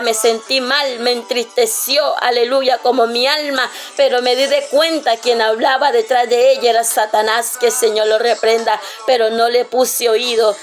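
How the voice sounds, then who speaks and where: A woman from Colombia preaching her testimony to a church, fervent, often repeating praise words. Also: fairly high pitch. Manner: fervent, repeats "aleluya" and "amada iglesia". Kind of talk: sermon testimony.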